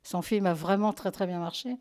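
A woman's voice: lowish voice, steady tone, brisk, darkish tone. A woman hosting a casual chat about new films, chatty and affectionate toward her listeners, often stopping to correct herself. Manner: chatty, full of fillers and self-corrections. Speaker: host presenting film releases. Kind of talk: casual radio-style chat.

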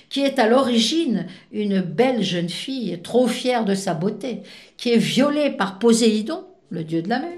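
A woman's voice: fairly high pitch, a little mellow. Woman, radio film columnist, playful chat, echoey sound. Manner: playful, chatty, teasing.

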